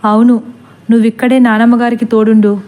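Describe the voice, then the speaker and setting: A woman's voice: fairly high pitch, flat delivery, brisk, lightly acted. A woman doing an anxious, pleading young woman. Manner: pleading, hushed.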